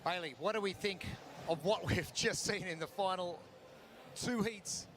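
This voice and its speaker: A man's voice: sits high, unhurried, a bit bright, a little hiss or hum. A man hosting live sports commentary with polished, emphatic delivery. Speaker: broadcast host and commentator.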